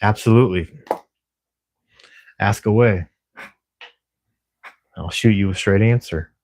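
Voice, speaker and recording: A Texas man on a camera security shift livestreams in a lowish, slightly mellow voice, talking slowly. He reads viewer comments in a friendly, rambling way, full of fillers.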